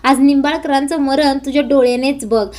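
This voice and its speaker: A woman's voice: high voice, steady tone, brisk, darkish tone, close to an everyday voice. A woman voicing a scheming older male villain in a serial recap, with a taunting, menacing manner. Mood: gloating.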